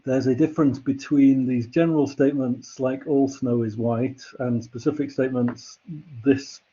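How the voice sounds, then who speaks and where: A male university lecturer with a deep, mellow and husky voice works through his ideas patiently, one example at a time. The recording is dull and lo-fi. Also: fairly even intonation, normal speed. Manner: patient, explains step by step with examples. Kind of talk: classroom lecture.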